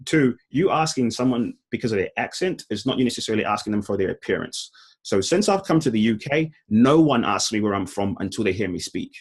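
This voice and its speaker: A man with a New Zealand accent, co-hosting a casual debate, talking in rapid bursts with many "like" fillers and restarts. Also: lowish voice, animated, husky. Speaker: co-host.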